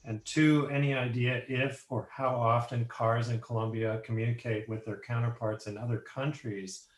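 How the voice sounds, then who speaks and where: A man's voice: mid-range voice, flat delivery, normal speed, reverberant, low-quality recording. A man informally moderating an academic question session in a casual, conversational way.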